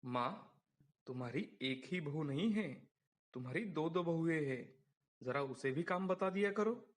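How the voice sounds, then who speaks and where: A man's voice: fairly high pitch, expressive, a little slow. A man voicing an earnest young son who pleads with his mother for fairness. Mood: pleading.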